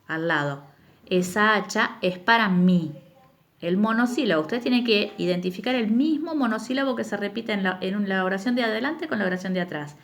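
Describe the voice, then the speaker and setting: A young woman teacher, explaining a grammar worksheet to children and slowly drawing out each example word. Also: mid-range voice. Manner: slow, emphatic spelling-out of words for children. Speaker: primary school teacher. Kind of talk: recorded remote lesson, explaining exercises.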